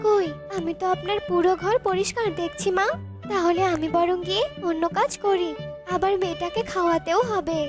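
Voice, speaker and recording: A woman's voice: very high-pitched, steady tone, fairly quick, over music. A woman voicing a meek, sickly young bird mother who pleads with her mother-in-law in a cartoon. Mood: pleading. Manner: pleading, gentle complaints.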